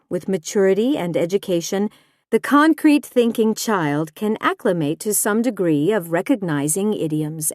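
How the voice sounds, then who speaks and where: Woman, scripted nonfiction reading, slow, deliberate, dry close sound. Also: medium pitch, a little mellow, dry recording. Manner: measured, deliberate delivery of examples. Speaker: audiobook narrator.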